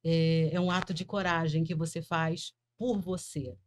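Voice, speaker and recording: A woman's voice: sits low, fairly even intonation, a little slow. A Brazilian woman hosting a psychology podcast, speaking directly and encouragingly to her viewers. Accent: Brazilian Portuguese. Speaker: podcast host. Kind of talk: closing a psychology podcast episode.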